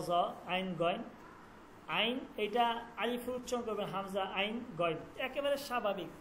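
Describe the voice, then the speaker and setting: A man teaching a language class online, repeating each letter sound slowly and checking that students follow. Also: high-pitched, a bit bright, a little hiss or hum.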